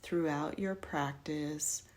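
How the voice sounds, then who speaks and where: A low-voiced woman guides a yoga nidra-style meditation, speaking very slowly with fairly even intonation. She gives each instruction gently in measured phrases.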